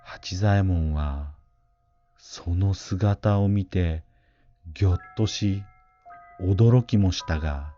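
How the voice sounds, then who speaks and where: 低く沈んだ声で怪談を語る男性. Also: male voice, deep voice, slow pace, dark tone, muffled recording, soft background music. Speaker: storyteller. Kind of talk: scripted narration of a Japanese ghost story.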